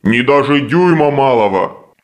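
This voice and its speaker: A man reading an audiobook, voicing a menacing ghostly male monster with slow, solemn, old-fashioned threats. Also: mid-range voice, expressive, close to an everyday voice. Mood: commanding. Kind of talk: audiobook character voice.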